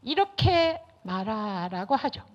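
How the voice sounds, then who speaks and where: A woman giving a lecture to teachers, acting out little dialogues between children, parents and teachers in an animated way. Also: fairly high pitch, takes it slowly. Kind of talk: lecture with acted-out dialogue examples. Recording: dull lo-fi lecture recording.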